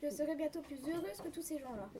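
A woman's voice: high voice, expressive, quick pace, warm tone. Woman voicing an eager, discontented wife. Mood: wishful. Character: poor discontented wife craving riches. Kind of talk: storybook reading.

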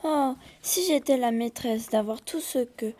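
A woman's voice: on the high side, measured pace, mellow. A woman reading the part of an impulsive peasant wife in a fairy tale, plainly, with small hesitations. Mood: wishful. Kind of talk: read-aloud fairy tale dialogue.

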